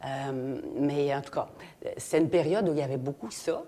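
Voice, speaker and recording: Lively Québécois woman, low voice. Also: moderate pace. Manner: animated storyteller, briefly mimics voices. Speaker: guest actress. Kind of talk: casual interview chat.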